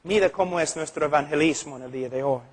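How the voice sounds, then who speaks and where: A man's voice: on the high side, fast. A middle-aged man preaching an impassioned sermon as a pastor, earnest and emphatic as he tells a story.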